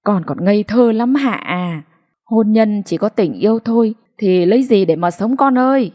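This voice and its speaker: A woman's voice: mid-range voice, lively intonation, moderate pace, warm tone, lightly acted. Woman voicing a stubborn domineering old mother. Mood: stubborn scolding. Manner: blunt, dismissive and firm. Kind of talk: audiobook character reading.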